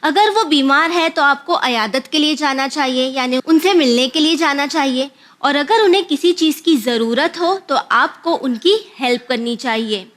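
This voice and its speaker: A woman with a very high voice tells children a moral story. She speaks to them directly and warmly, pausing to explain words in simpler terms.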